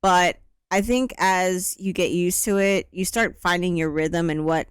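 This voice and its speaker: A woman in her thirties chats casually as a podcast co-host, rambling easily from one thought to the next. Her voice is smooth and sits a little low for a woman. The sound is dry and close, with no room echo. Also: steady tone, a little slow. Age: 30s. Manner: easygoing, rambling with fillers. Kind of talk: casual chat.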